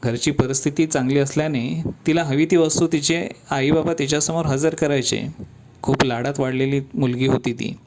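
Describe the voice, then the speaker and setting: A male storyteller reads a scripted story in a calm, steady way. His voice sits a little higher than most men's. The delivery stays even and unhurried. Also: a little hiss or hum.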